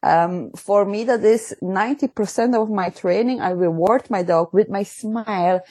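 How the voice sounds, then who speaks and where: Husky woman in halting, non-native English. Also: mid-range voice, dark tone, no room sound. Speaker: dog dancing champion guest. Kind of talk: interview answers.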